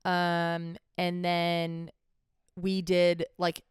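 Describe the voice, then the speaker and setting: A woman chatting casually as a co-host, pausing to search for words and correcting herself as she goes. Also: lowish voice, completely flat delivery, clean tone, no echo, studio quality. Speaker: podcast or vlog co-host. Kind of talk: casual chat about their own wedding.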